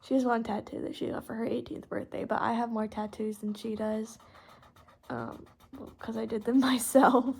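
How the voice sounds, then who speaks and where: A woman's voice: a little high, steady tone, normal speed, creaky, a little mellow, slightly rough. A teenage girl from Texas chatting informally and rambling as a podcast host, in a youthful casual way while coloring. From Texas, United States. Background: pencil and marker scratching on paper.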